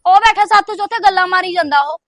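A woman's voice: very high voice, fast talker, fairly bright tone, dry recording, studio quality. A young woman acting a bold, defiant daughter who talks back with sass in a short film. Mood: complaining. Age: young adult. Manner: sassy, argumentative. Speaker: teenage daughter.

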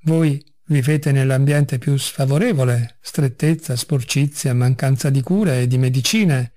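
A man voicing an elderly male postmaster who pleads with fussy, overly affectionate warmth in a storybook reading. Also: medium pitch, a little slow, close to an everyday voice. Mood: pleading.

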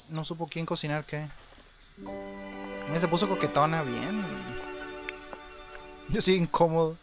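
A young man talks through his life-sim game in a loose, rambling way. He muses half to himself and to his viewers, then breaks into quick excited shouts now and then. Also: on the high side. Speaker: gameplay streamer. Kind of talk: casual life-sim commentary.

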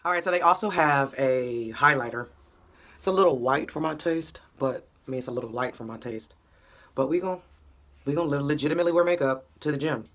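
Low-sitting and fairly quick, this young woman's voice drives a casual vlog chat. She's an upbeat beauty vlogger full of slang, recording on a phone camera held close as she moves from a small home room to a city street and a gym.

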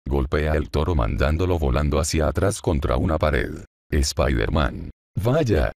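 Man, very deep gravelly voice, dry close recording; reads a fan fiction script, narration and all roles alike. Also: moderate pace, no room sound. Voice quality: very low, gravelly voice. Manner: reads character names and stage directions in a flat, even delivery. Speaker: fanfic reader voicing all parts.

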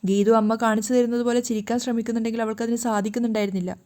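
Brief: woman storyteller, mellow, plain steady retelling. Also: a little high, racing. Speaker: storyteller recapping a serial. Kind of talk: casual story recap narration.

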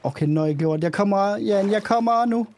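A man's voice: high voice, a little mellow, dry recording. A young man co-hosting a let's play, mock-dramatic and whiny, with yelps when he gets scared. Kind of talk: casual gaming banter.

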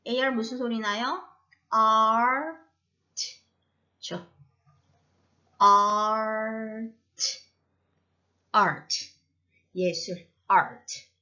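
Woman phonics teacher, slow and patient, bright, slightly dull lo-fi sound. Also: on the high side, animated. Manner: patient, repeats each word several times with emphasis. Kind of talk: slow classroom-style lesson.

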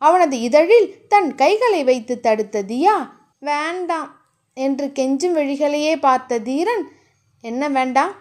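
A woman narrating a romance audiobook in an expressive, animated way. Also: high-pitched, measured pace.

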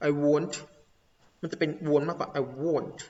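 A male teacher giving an online English grammar lesson, explaining step by step and repeating words slowly. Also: on the high side, little pitch movement, mellow. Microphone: video call. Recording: dull lo-fi online class audio.

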